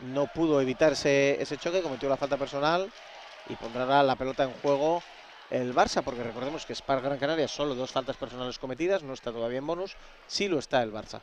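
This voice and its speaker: A man's voice: medium pitch, fast, highs cut off. A man calling a basketball game live with a Spain Spanish accent. He keeps up a chatty, easygoing flow and turns to talk with the viewers in the chat. Faint noise sits under his voice. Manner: chatty, talks straight to the stream's chat. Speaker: play-by-play commentator.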